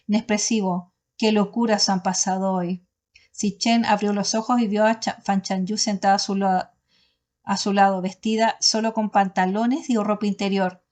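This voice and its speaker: A woman reading a novel aloud as an audiobook narrator, steady and often stopping to correct herself. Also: medium pitch.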